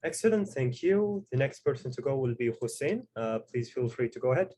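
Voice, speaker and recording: A man hosting a video call discussion, explaining at a measured pace with frequent fillers. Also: mid-range voice, animated, warm tone. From Tuareg heritage. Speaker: host and moderator.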